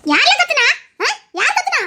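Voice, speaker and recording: Woman playing a mother-in-law, village, shrill, very high voice, scolding, family drama skit. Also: quick pace, noisy background. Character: sharp-tongued village mother-in-law, quarrelsome.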